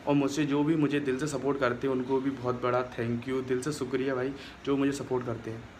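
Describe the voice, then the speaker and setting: A man's voice: medium pitch, level tone, brisk, darkish tone, slight background noise. A young man talking straight to his phone camera in a casual vlog, aggrieved and complaining as he retells a quarrel. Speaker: vlogger.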